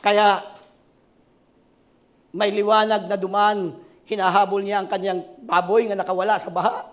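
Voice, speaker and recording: Older pastor guy in his 60s, really high voice, yells then drops soft, keeps asking the crowd. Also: little pitch movement, normal speed. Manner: preaching with sudden shouted climaxes and dropped quiet asides; asks the congregation for responses. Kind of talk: sermon.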